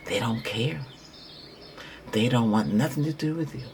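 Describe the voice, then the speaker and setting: A man speaks at an ordinary pitch, talking through a Reiki healing session in a rambling, earnest way. He repeats himself and restarts sentences as he goes. Birdsong chirps faintly in the background. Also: a little slow, a little mellow, slight background noise. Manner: earnest, repetitive, conversational, with restarts. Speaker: Reiki practitioner.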